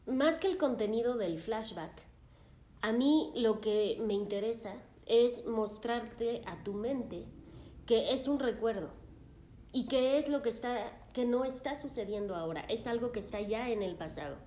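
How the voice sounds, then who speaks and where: A woman psychotherapist, calmly and measuredly narrating a case from her practice and explaining things clearly. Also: a little high, a little slow, a little hiss or hum. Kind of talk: first-person storytelling narration. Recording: roomy echo.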